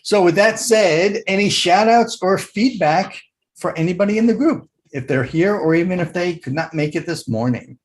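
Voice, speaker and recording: A man hosting a business networking meeting over a video call, relaxed and joking. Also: sits high, moderate pace.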